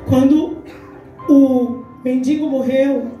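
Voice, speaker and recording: Speaking slowly in a high, steady voice, a deaconess in her forties with a Brazilian Portuguese accent preaches an emphatic testimony to a church women's congress, performing the conversations she describes. The lo-fi recording captures her from a distance in a large, echoey hall with faint music.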